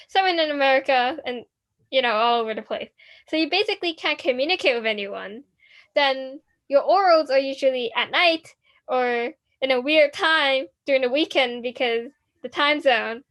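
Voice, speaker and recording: On a student podcast, a teenage co-host from Hong Kong chats in a high, slightly bright voice. She wanders through her thoughts with plenty of fillers and frequent restarts.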